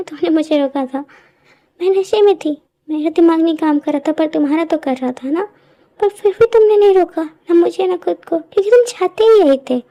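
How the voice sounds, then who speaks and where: A furious young wife in a fan-made audio drama, voiced by a woman. She throws bitter accusations in a very high, strained voice. The hurt cuts through every line. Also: moderate pace, no echo, muffled recording.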